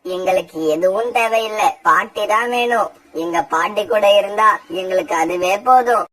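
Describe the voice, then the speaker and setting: A woman's voice: medium pitch, moderate pace, fairly bright tone, recorded from a distance, close to an everyday voice. A woman voicing an earnest, stubborn eldest child bird in a cartoon, insisting firmly. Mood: insistent.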